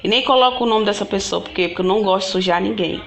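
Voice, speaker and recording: A woman's voice: mid-range voice, very fast, creaky, a bit bright. Rambling woman telling her story. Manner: rambling and repetitive, often restarting and addressing viewers directly. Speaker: vlogger. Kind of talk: casual personal storytelling to viewers.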